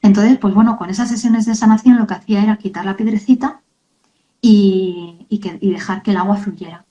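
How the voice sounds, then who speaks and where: Earnest woman, warm mellow voice. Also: mid-range voice, fairly even intonation, highs cut off. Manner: earnest, halting, many tag questions. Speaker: author and guest. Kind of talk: emotional interview talk.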